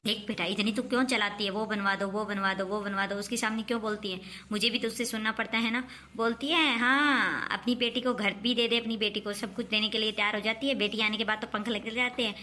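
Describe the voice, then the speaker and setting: A woman playing a fussy, scolding mother-in-law who favors her daughter, in a home-made comic family skit, talking in a quick nagging manner. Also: medium pitch, steady tone, pushed and bright, a little hiss or hum, close to an everyday voice.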